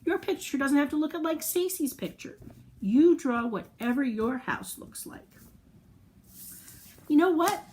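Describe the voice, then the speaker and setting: Her voice sits high and a little mellow, animated yet unhurried, with long pauses. She hosts a storytime for young children, reading aloud and talking with them warmly through simple explanations and questions.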